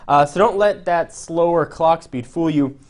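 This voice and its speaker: A man's voice: fairly high pitch, measured pace. Chatty young man unboxing a phone. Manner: chatty, jokey, lots of "uh" fillers. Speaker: tech reviewer. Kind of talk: casual unboxing commentary.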